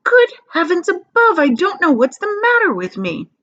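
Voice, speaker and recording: A woman's voice: very high-pitched, huge pitch swings, normal speed, fairly bright tone, dull audio, pitched above the performer's own voice, exaggerated voice. A woman voicing an eager, emphatic ninety-six-year-old grandfather in a children's storybook read aloud. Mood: eager, fond.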